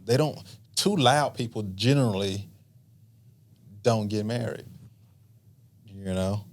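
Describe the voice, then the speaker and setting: Middle-aged male counselor, lowish pitch, easygoing explainer who mimics couples mid-story. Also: takes it slowly. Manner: relaxed, explanatory, acts out couples' lines. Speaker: marriage counselor, podcast guest. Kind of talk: casual podcast conversation.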